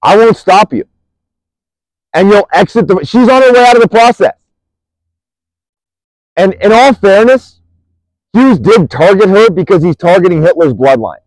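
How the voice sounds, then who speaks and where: A man's voice: sits high, animated, normal speed, pauses often, no room sound, low-quality recording. A man delivering an angry, profane monologue, accusing and rambling, restarting sentences as he goes.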